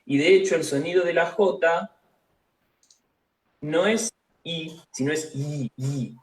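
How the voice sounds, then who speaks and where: A man teaching a live online language class, explaining pronunciation slowly and patiently, syllable by syllable. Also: a little high, roomy sound, poor audio.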